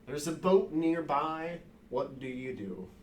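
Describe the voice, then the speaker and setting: Game master, male, unhurried, raised voice, easygoing and chuckling, light background hiss. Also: a little high. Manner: casual, laughing often, quick asides. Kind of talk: narrating a tabletop game.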